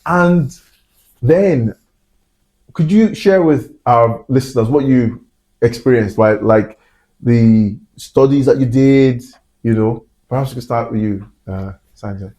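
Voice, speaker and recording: A man's voice: mid-range voice, slow, mellow. A man hosting a science podcast, talking in a casual, rambling way with many fillers. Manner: chatty, lots of fillers and asides. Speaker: podcast host. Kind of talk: casual interview chat. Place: Glasgow.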